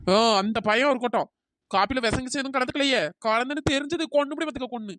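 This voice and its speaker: A squeaky, high-pitched cartoon wife, as a voice actor plays her, rattling off accusations at a quick clip. She is suspicious, bossy and melodramatic, with a pitch-shifted cartoon tone. The sound is dry and close. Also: fairly bright tone, no room sound. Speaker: cartoon character. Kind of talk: comic cartoon dialogue.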